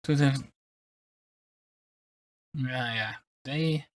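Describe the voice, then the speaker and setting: A streamer of unclear sex chatting casually in a hesitant, rambling way and reading bits aloud, with a mid-pitched voice. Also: drawn-out words. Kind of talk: casual livestream chat, reading articles aloud. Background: background music.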